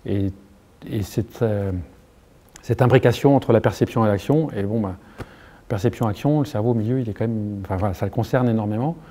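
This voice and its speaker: A middle-aged French man answering interview questions in a halting, earnest way, with many restarts and fillers. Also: on the low side, mellow. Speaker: motion capture engineer being interviewed.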